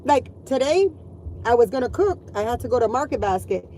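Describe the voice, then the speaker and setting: Middle-aged mom vlogger, slightly high voice, blunt and foul-mouthed, exasperated rant; faint background hum. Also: female voice, animated, brisk, dark tone, low-quality recording. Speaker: mother venting to viewers. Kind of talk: ranting vlog monologue.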